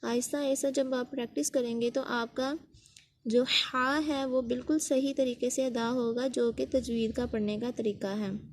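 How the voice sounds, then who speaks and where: A woman's voice: on the high side, steady tone, moderate pace, a little hiss or hum. A woman teaching Quran letter pronunciation, speaking patiently step by step and repeating each sound as a model for learners.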